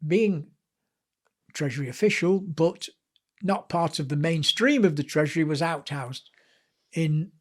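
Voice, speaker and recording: An older man from Blackpool, a guest telling lively stories in an interview and acting out what others said. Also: a little high, unhurried. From Blackpool, England. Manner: lively storyteller who acts out what others said. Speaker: guest author. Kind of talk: anecdotal storytelling in an interview.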